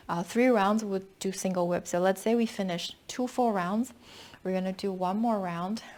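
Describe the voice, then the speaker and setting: Woman teaching tai chi, mid-pitched voice, walking you through the moves bit by bit. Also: darkish tone. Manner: explanatory, guiding through movements with cues. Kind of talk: step-by-step instructional demonstration.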